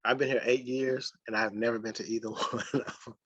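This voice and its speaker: A man's voice: medium pitch, level tone, a little fast, fairly bright tone, slightly rough. A man with a Mississippi accent and a country drawl, chatting casually as a guest. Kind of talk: casual chat. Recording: muffled, dry lo-fi sound.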